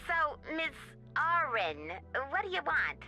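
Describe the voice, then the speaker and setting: A woman's voice: sits high, big pitch swings, slow, sharp tone, faint music behind, exaggerated voice. An actress playing a blunt, impatient young woman hotel phone operator in a game. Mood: brusque.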